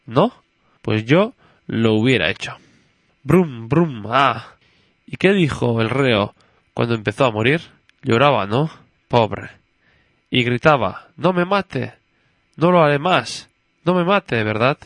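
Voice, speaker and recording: A curious, eager little girl, as a man reading the story puts her on, full of innocent questions for her father. A colors her words. The delivery is slow and the sound dry and close. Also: medium pitch, fairly bright tone, no echo. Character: curious, chatty little girl, judge's daughter.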